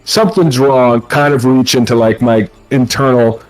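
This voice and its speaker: A man's voice: medium pitch, normal speed, poor audio. A man talking casually as a player in a tabletop role-playing game. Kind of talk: casual, conversational game play. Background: faint background music.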